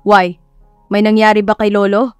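A woman's voice: mid-range voice, completely flat delivery, moderate pace, a little mellow, smooth, dry recording, faint music behind, lightly acted. A woman voicing a curt, short-tempered young rich man in an audio story. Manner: curt, irritated, mixes English phrases.

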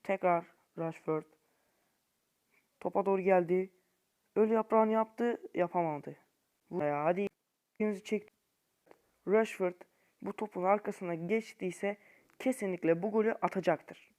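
A young man giving casual gameplay commentary to viewers in an informal, slangy way, swinging between low muttering and frustrated shouting. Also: measured pace, long pauses, clear, resonant tone. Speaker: gaming YouTuber.

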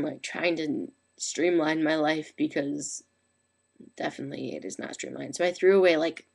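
A young woman with a low voice talks into a webcam at home, chatty and rambling, leaning on "like" and "um". She has the hiccups and keeps trying to hold them down. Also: a little mellow. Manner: chatty, rambling, frequent "like" and "um" fillers. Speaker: vlogger. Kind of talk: casual late-night webcam chat. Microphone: webcam microphone.

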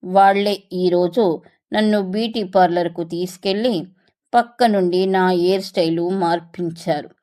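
A woman's voice: fairly low pitch, steady tone, unhurried, dark tone, close to an everyday voice. Audiobook: woman voicing a coaxing, affectionate young wife. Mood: chatty. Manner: pleading, sweet-talking. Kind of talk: audiobook story reading.

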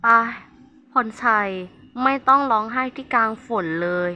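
Woman as a gentle, soothing mother. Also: fairly high pitch, measured pace. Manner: soft, soothing, affectionate. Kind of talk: fan voice acting for a game drama.

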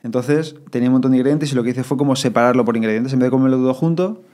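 A man with a Spain Spanish accent, talking casually as a podcast guest and acting out his own thoughts. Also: mid-range voice. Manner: fast, animated, acts out inner thoughts in quotes.

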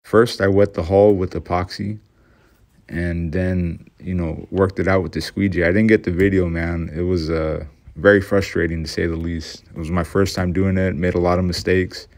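Man, very low voice, casual voice-over, matter-of-fact, self-deprecating. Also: little pitch movement, moderate pace, a little mellow. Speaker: hobby boat builder.

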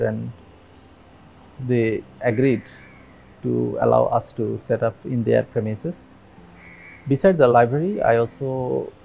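A Bangladeshi man in his thirties, interviewed in a dim room on a lapel mic, telling his story earnestly with halting restarts. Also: medium pitch, creaky, mellow, highs cut off, a little hiss or hum. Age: 30s. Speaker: interviewee, migrant worker. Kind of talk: documentary interview. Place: dim indoor room with fans.

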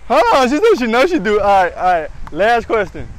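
High-voiced young man teasing street interviews. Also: big pitch swings, a little fast, rough recording. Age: young adult. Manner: playful, teasing, slangy. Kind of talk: casual public interview. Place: outdoors on a beach and a street.

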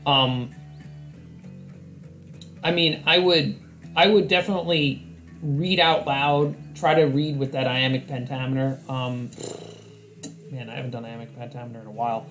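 A man chats on his live stream in a loose, rambling way, often stopping to correct himself. His voice sits at an ordinary middle pitch. Soft music plays faintly behind him. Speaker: poetry streamer. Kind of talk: casual live-stream chat.

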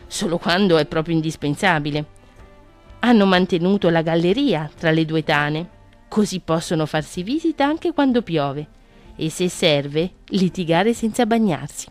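A woman reading a children's picture book aloud on the radio, gentle and expressive. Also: on the low side. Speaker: children's story reader. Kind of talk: storybook reading.

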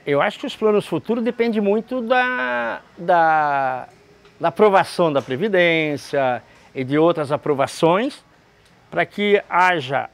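A Brazilian man, a restaurant owner in his fifties, answering interview questions in a halting way with many restarts, recorded indoors in a large restaurant. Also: high-pitched. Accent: Brazilian Portuguese. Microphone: camera close framing, seated.

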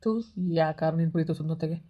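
A woman's voice: low-pitched, monotone, rapid-fire, highs cut off. A woman playing a careless young man who brushes off his girlfriend's calls with mocking irritation in a village comedy skit. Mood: irritated, mocking.

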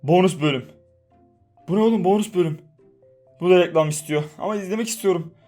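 A man's voice: high voice, brisk, dark tone, faint music behind. A young man giving casual, chatty commentary on a mobile game, joking, swearing for fun and soothing the characters. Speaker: gaming YouTuber.

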